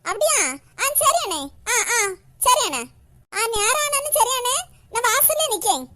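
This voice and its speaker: A woman's voice: very high voice, fast, very noisy. A woman with a Kanyakumari Tamil accent voicing a worried young woman in a cartoon, pleading tearfully with her brother. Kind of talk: animated comedy cartoon dialogue.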